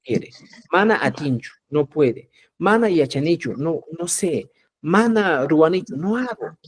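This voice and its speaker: A man teaching a live online language class, speaking slowly and with emphasis, and often checking whether the students follow. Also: fairly high pitch, expressive. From Peru. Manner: checks understanding with repeated "¿ya?"; slow, emphatic drilling of example words.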